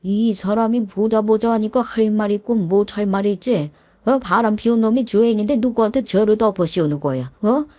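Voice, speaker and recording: With a mellow, mid-range voice at a normal speed, a woman lightly acts out a furious older father-in-law in her storytelling. He scolds harshly and barks commands, and the recording has no echo.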